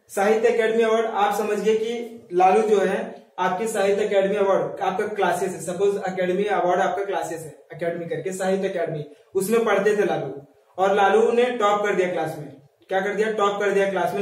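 A high-pitched man teaches a lesson on memory tricks. He keeps asking questions and answering them himself, repeating each key word. His voice sits well back from the mic and rings around a very echoey room. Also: darkish tone, far from the mic.

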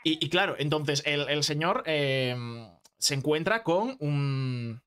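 A man's voice: a little high, slow, a bit bright, smooth. A young man streaming a game, rambling through a long joke and restarting often while he acts out the characters. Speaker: gaming streamer. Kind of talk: casual joke-telling on a live stream.

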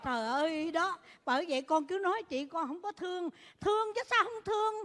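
A woman plays a sentimental middle-aged stepmother, pleading and lecturing in a very high voice. The stage adds a long echo. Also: fairly quick, fairly bright tone. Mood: tender. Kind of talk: live stage comedy skit.

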